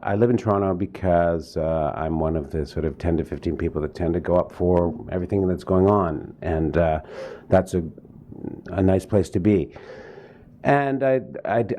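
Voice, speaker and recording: A man's voice: deep voice, dark tone, slight background noise. A man, an actor, chatting in an interview, rambling with many fillers and restarts. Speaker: actor guest. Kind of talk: casual interview chat.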